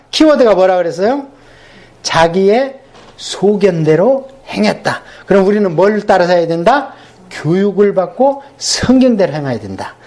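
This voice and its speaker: A man's voice: high-pitched, darkish tone. A male pastor giving a Bible seminar lecture, teaching emphatically and asking the class rhetorical questions.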